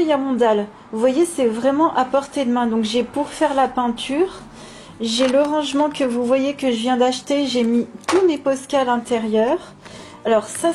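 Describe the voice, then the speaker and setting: High-voiced woman, chatty vlogger. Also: a little mellow. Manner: informal, chatty, enthusiastic. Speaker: craft and coloring vlogger. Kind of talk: casual vlog chat to viewers. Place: indoors at home. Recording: noticeable background noise, home recording.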